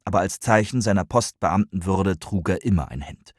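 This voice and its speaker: Male audiobook narrator, calm, even, very deep, husky, dry close sound. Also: moderate pace, dry recording. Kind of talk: scripted narration.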